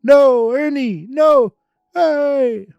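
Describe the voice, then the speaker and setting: A man voicing a pompous male vampire count who loves his organ, declaiming slowly and grandly. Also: on the high side, smooth, dry recording, dull audio. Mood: flustered.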